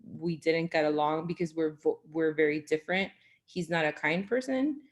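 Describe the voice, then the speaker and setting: Low-pitched woman on a video call, talking frankly off the cuff, pausing to think. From United States, Cuban parents. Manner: frank, thinks aloud with many ums. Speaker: guest answering a question. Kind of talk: impromptu speech on a video call.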